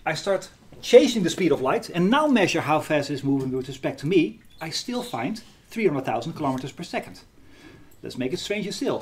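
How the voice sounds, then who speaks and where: A middle-aged university lecturer giving a live physics lecture in a hall, lively and often checking in with the class. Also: male voice, high voice. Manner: lively, asks the class questions.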